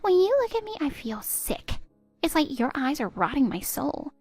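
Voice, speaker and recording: A woman's voice: high-pitched, big pitch swings, moderate pace, no echo, soft background music. A woman voicing a sneering, spiteful twenty-something stepdaughter. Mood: scornful. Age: 20s. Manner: sneering, cutting, contemptuous. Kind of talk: text-story voice acting.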